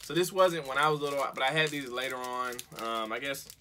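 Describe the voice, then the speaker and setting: A man's voice: mid-range voice, fairly quick, sharp tone. A man in his thirties chats casually as a father and host. He explains things in a coaxing way and repeats himself for a child. There is faint noise behind his voice. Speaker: father hosting a candy challenge.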